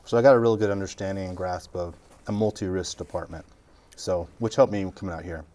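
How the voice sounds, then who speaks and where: A man's voice: low-pitched, fairly even intonation, fast talker, mellow. A middle-aged man, a fire captain joking through a casual interview. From Texas Panhandle. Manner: joking, self-deprecating, talks while chewing.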